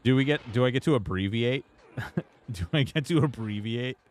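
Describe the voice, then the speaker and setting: A man with a mid-range voice talks at normal speed while streaming a game. His commentary is casual and rambling, full of fillers and restarts.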